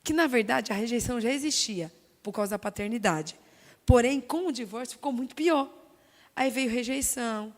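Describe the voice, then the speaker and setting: A woman with a Brazilian Portuguese accent giving an animated, emphatic talk on stage, sharing her own story. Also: on the high side, normal speed. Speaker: speaker sharing testimony. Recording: long hall reverb.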